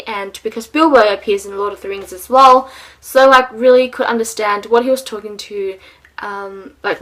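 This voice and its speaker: A woman's voice: on the high side, a bit bright, rough recording. A young woman giving a casual, rambling book review for her vlog, with lots of ums and little laughs.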